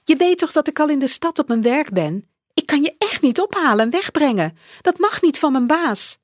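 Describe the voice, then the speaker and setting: A woman voicing a busy working mother on the phone, speaking high and emphatically in a storybook reading. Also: big pitch swings, normal speed, dry recording, studio quality. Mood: apologetic. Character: busy working mother, sorry but firm.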